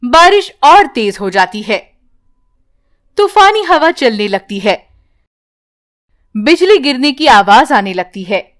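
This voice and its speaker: A woman narrating an animated bedtime story in a calm, even storytelling manner. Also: sits high, slow, pauses often.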